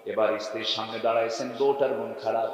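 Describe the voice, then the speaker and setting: A male preacher tells stories in an open-air sermon, alternating loud, high declaiming with hushed, low passages and prompting the crowd to answer. His voice is heard from a distance through heavy, long echo, with a dull, muffled tone. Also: steady tone, a little fast. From Bangladesh. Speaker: Islamic preacher. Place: large outdoor religious gathering. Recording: echoey far-off loudspeaker sound, dull.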